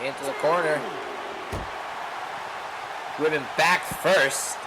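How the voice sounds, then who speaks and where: A man calls live pro wrestling action in a slightly high voice that stays steady and slow, with clipped calls and dramatic rhetorical questions. Behind him, a loud crowd fills the noisy venue.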